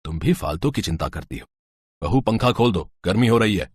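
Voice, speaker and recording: Cartoon story: relaxed older husband, played by a man, low and lively. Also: normal speed, slightly rough, no room sound. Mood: easygoing. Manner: calm, relaxed coaxing. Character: older husband, easygoing and generous.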